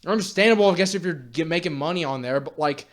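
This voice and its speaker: A man's voice: fairly high pitch, fast talker. A young man delivering a blunt, exasperated rant to camera, swearing casually as he lectures viewers. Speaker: YouTube commentator.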